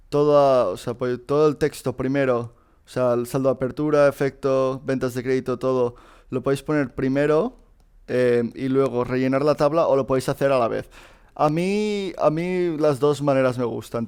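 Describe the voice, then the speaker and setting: A man's voice: mid-range voice, darkish tone, clean tone. Guy walking students through an exam, chatty, lots of "eh" and restarts, clean voice. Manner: informal, addresses students directly, frequent fillers and restarts. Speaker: teacher solving a past exam. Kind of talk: casual screen-recorded lesson.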